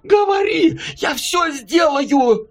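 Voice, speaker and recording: Audiobook figure: panicked middle-aged politician, stammering, high and shaky. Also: male voice, expressive, takes it slowly, soft background music, exaggerated voice. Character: terrified trembling male politician, middle-aged.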